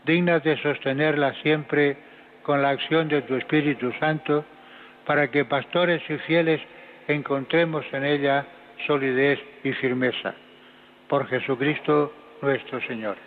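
A man, a priest, intoning the prayers of Mass with a cathedral echo, in a solemn, measured way. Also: on the high side, fairly even intonation. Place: large church. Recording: tinny phone-like recording of a cathedral with long echo and background noise.

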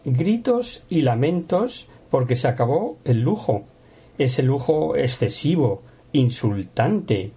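A man's voice: medium pitch, big pitch swings, slow pace, dark tone, breathy edge. A man teaching a Bible lesson, explaining the text in a conversational way with rhetorical questions.

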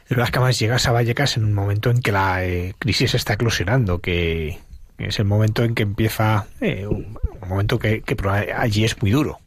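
A man's voice: on the low side, a little fast, dry recording. A male interviewer asking thoughtful, probing questions.

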